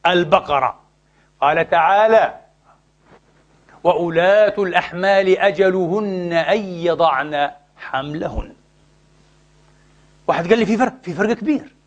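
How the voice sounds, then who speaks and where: A man, teaching Islamic jurisprudence in an animated lecture, repeatedly asking listeners to finish his sentences. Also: high-pitched, moderate pace, long pauses, muffled recording. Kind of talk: lecture with call-and-response questions.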